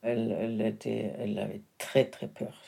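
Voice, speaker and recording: A very deep, gravelly woman's voice, mellow yet slightly rough, keeps a level tone at a moderate pace. The speaker is the filmmaker's mother in an intimate interview; French isn't her first language, so she searches for words and restarts often.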